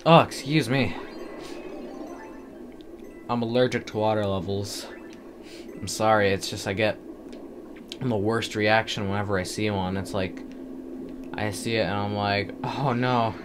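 Faint game music plays behind this man as he gives casual, self-deprecating let's-play commentary, groaning at the video game and pleading with it. As a gaming commentator, he speaks in a steady, unhurried tone on the low side, with long pauses and some background noise.

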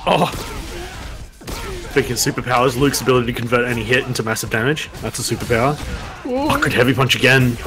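A man doing live esports commentary, joking around and reacting loudly to big hits. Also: medium pitch, lively intonation, fast talker, pauses often, music in the background. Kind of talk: live fighting-game commentary.

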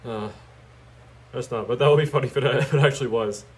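A young man hosting a reaction video, bemused and quick to laugh. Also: mid-range voice. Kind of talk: casual reaction commentary.

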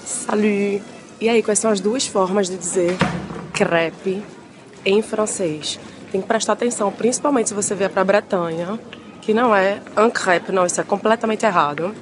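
A woman's voice: mid-range voice, normal speed. A woman explaining carefully and unhurriedly in a short language lesson. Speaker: French teacher. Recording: crowd chatter and noise around.

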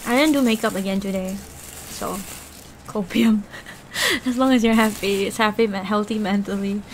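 Eating as she chats with viewers, a young female Twitch streamer speaks in a mid-range voice at a moderate pace, with a slight hiss or hum. Her talk is rambling and giggly, packed with "like."

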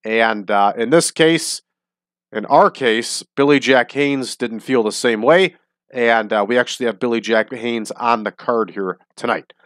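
Sounding nasal and congested from a sinus infection, the host of a wrestling sim series keeps his casual commentary upbeat and greets viewers as "everybody." His medium-pitched, fairly bright voice moves a little slowly, captured in clean, dry studio sound.

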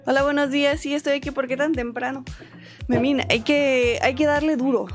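A woman's voice: high voice, steady tone, moderate pace, faint music behind. A woman with a Mexican accent streaming a game from home, chatting casually and greeting viewers by name. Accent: Mexican Spanish. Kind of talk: casual live-stream chat.

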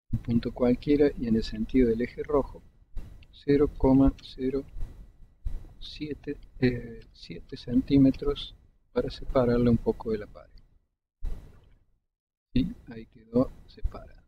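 A man, calmly explaining each step of a 3D modeling tutorial over a screen recording, pausing between clicks. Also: creaky. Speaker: 3D modeling instructor. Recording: dull lo-fi desktop mic with faint rumble.

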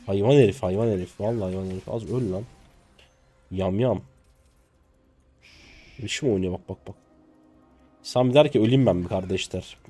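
A man in his twenties from Turkey, commenting live on his own game play, excitable and jokey, with casual swearing and sudden high yelps. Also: moderate pace, pauses often, soft background music. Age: 20s. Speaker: streamer.

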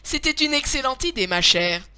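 A woman's voice: high voice, animated, normal speed, pushed and bright, clean tone, no room sound, voice pushed up. A woman voicing a sleepy, good-natured father bear in a storybook. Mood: cheerful. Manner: drowsy yet cheerful.

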